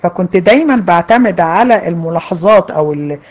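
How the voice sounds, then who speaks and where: A woman's voice: fairly low pitch, animated, quick pace, low-quality recording. A woman with an Egyptian Arabic accent, a religion teacher, reads out students' questions and answers them in a casual, conversational way. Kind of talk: casual Q&A lesson.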